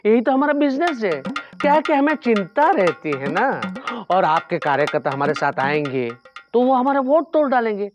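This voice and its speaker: A sly small-town schemer haggles in rustic village speech, his pitch rising and falling constantly. Music plays clearly under him, as in a TV sitcom. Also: sing-song, normal speed, lo-fi sound. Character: scheming small-town man selling his political support. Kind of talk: TV sitcom acting.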